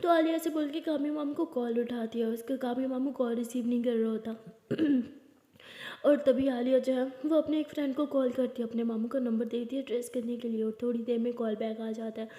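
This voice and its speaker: A woman's voice: on the high side, steady tone, brisk, mellow. A woman narrating a love story in a casual, conversational way. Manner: plain, conversational retelling. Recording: echoey room with long reverb.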